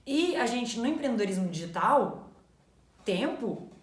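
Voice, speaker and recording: A woman co-hosting a casual explanatory chat, animated and acting out inner thoughts in quotes. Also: on the high side, measured pace. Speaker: co-host. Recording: echoey room.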